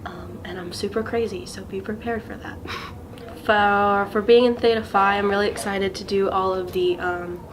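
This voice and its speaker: Young woman, new sorority member, casual, fairly flat pitch, noticeable background noise. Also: normal speed. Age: young adult. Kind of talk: casual testimonial.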